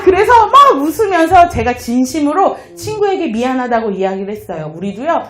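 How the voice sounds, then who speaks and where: A middle-aged woman giving a motivational lecture, telling stories, acting out dialogue and leading the audience in chants. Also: high-pitched. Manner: lively, leads audience in chants, acts out dialogue. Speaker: lecturer on happiness and communication. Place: lecture hall with live audience. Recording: echoey lecture room.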